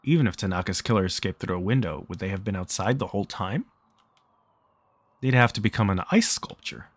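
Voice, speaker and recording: A man's voice: sits low, animated, fairly quick, slightly rough, no echo. A man reading a visual novel's text aloud for a let's play, narrating plainly and stopping now and then to joke and laugh. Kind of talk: reading game text aloud with casual asides.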